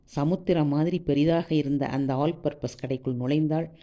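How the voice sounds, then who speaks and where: Low, warm-voiced woman reading a novel. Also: steady tone, normal speed. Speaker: storyteller. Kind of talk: reading a serialized novel aloud.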